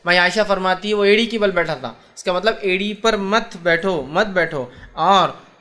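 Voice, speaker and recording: A man's voice: high-pitched, normal speed, pushed and bright. A man giving a religious lesson on how to sit and prostrate in prayer, explaining step by step, repeating key points and checking that listeners understand. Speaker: Islamic preacher.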